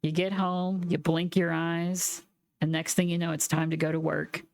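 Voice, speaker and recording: A woman streamer casually commenting while playing a game, with relaxed, joking asides. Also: fairly low pitch, moderate pace, dry recording. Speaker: gaming streamer. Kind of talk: let's play commentary. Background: game music.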